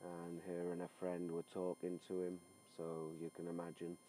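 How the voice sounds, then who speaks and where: A man's voice: sits low, completely flat delivery, moderate pace, mellow, poor audio. A middle-aged man, a swimming coach, talking informally as he records a podcast diary of his working day. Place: on the move: car, outdoors, poolside. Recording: background noise from travel and outdoors.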